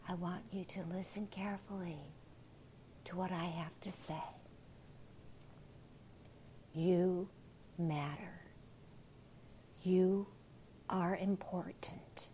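Woman, ASMR whisper, very slow, mellow low voice, soothing relaxation guide. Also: steady tone, a little hiss or hum. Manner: soft whispering, unhurried and soothing.

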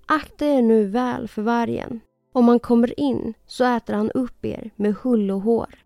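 A woman's voice: a little high, fairly even intonation, mellow, no room sound, studio quality, faint music behind, close to an everyday voice. A woman voicing a caring old mother goat in a storybook, earnestly warning her children.

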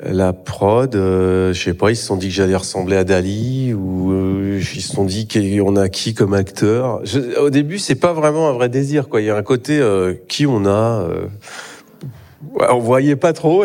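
A man's voice: fairly low pitch, moderate pace, a little mellow. A middle-aged man, an actor, talking in a live interview on a theatre stage, hesitant, with many fillers and restarts. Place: theatre stage before an audience.

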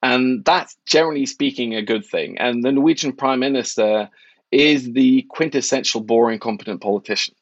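A man from Norway who covers markets, speaking in a wry, measured, articulate way as an interview guest. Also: mid-range voice, no echo, highs cut off. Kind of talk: conversational interview.

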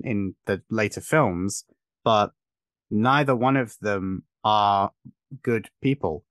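A man's voice: on the low side, a bit bright, no echo, studio quality. A man hosting a podcast, giving long, emphatic, opinionated explanations in casual chat. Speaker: podcast host.

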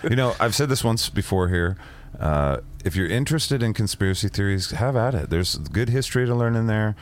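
A man's voice: fairly low pitch, animated, a little fast. A man talking casually as the co-host of a podcast. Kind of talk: casual chat.

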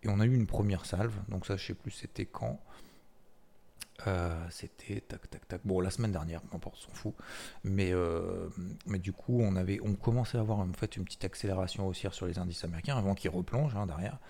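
A man's voice: deep voice, a little fast, vocal fry, dark tone. A man giving casual, chatty market commentary as host of a weekly recap, with many fillers and restarts. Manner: chatty, loose, with many fillers and repeated words.

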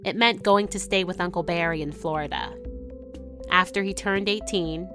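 A woman narrating a documentary story in a measured, scripted storytelling manner. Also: on the low side, music in the background.

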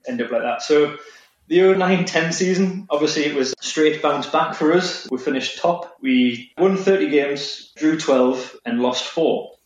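A man's voice: a little high, measured pace. Chatty man in a roomy, dull recording. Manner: chatty, laughs often, reels off stats. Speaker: podcast co-host presenting a history segment. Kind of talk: casual football podcast chat.

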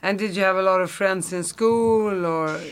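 A woman's voice: mid-range voice, normal speed, clean tone. A woman, asking questions as the host of a casual interview.

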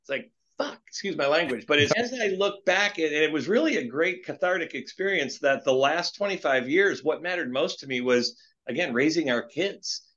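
A man's voice: fairly high pitch, expressive, normal speed, fairly bright tone, dull audio. A man in his late fifties, a guest entrepreneur, talking in a casual interview in an earnest, rambling way and telling stories with animation. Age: 50s.

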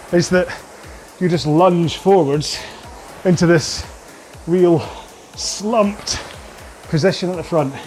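A man coaching an indoor rowing workout, giving slow, measured cues about posture and pace. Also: sits high, a little mellow.

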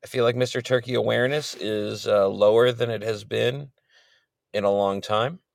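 A man's voice: fairly low pitch, fairly even intonation, moderate pace, vocal fry, no room sound, studio quality. A man hosting a podcast in casual chat, playful and jokey, a bit loopy from staying up late. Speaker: podcast host.

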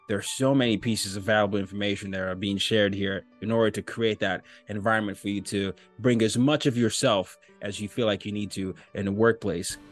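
Animated man hosting a podcast. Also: on the low side. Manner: enthusiastic, animated delivery with big swings in loudness. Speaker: podcast host. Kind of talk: podcast intro and interview.

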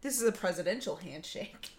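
A woman's voice: on the low side, expressive, moderate pace, echoey room, slight background noise. A woman co-hosting a podcast in casual chat, laughing often and trailing off with fillers. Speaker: podcast co-host.

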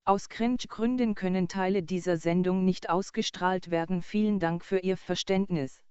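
A woman's voice: fairly low pitch, fairly even intonation, normal speed, darkish tone, clear, resonant tone, no echo, dull audio. A woman reading a scripted broadcast notice in a formal, polite manner.

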